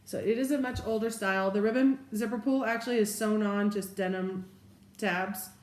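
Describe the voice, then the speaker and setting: A woman's voice: mid-range voice, fairly even intonation, normal speed, darkish tone, echoey room. A woman chatting casually as she shows items one by one and describes them step by step. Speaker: vlogger. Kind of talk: casual bag show-and-tell.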